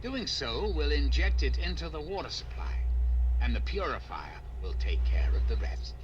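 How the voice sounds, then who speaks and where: An actor voicing a scheming male AI leader in a video game, with a calm, menacing evil AI voice, measured and coldly polite. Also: fairly high pitch. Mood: calm menace. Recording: muffled, distant, noisy game capture.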